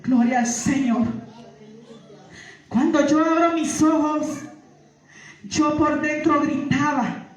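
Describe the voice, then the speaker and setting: A woman giving a fervent church testimony. She repeats her phrases and breaks into praise, rising at times to shouting. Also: high voice, steady tone, slow pace, long pauses. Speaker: testimony giver. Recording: echoey hall, far from mic.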